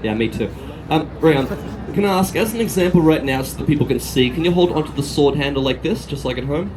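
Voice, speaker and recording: On an outdoor city street, with traffic noise all around, a Melbourne man runs the comedic patter of a sword swallower's street show. His Australian-accented voice is a little high, animated and quick, and he plays the cheeky showman, teasing the crowd and his volunteer.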